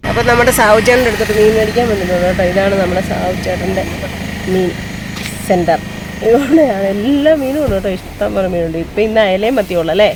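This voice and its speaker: A woman's voice: mid-range voice, quick pace, noisy background. A woman hosting a casual family vlog, chatting to the camera and coaxing a small child in baby talk while out shopping. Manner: chatty, folksy commentary to the camera. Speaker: vlogger host.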